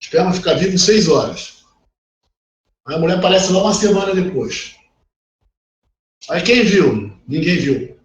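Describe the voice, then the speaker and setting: Blunt, animated Brazilian law professor. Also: male voice, high-pitched, unhurried, pauses often, recorded from a distance. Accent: Brazilian Portuguese. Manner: blunt and animated, acts out quoted voices. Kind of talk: recorded online lecture, conversational. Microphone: online class call. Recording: dull, echoey audio with faint noise.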